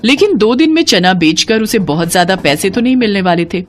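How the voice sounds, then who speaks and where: A woman narrating a scripted children's moral story in an expressive storytelling manner. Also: medium pitch, brisk.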